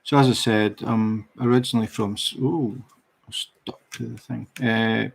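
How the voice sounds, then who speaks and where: This is a diamond painting livestream host, a middle-aged Scotsman whose lowish voice carries some vocal fry. Speaking in a Scottish accent, he chats casually and unhurriedly with his viewers, keeping things relaxed.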